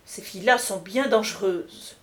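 A woman's voice: medium pitch, unhurried, fairly bright tone, close to an everyday voice. A woman voicing a jealous aristocratic countess in an audiobook reading, cold and disdainful.

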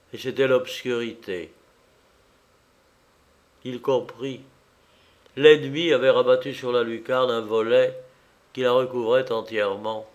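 A man narrating a novel as an audiobook in a measured, dramatic way. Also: medium pitch.

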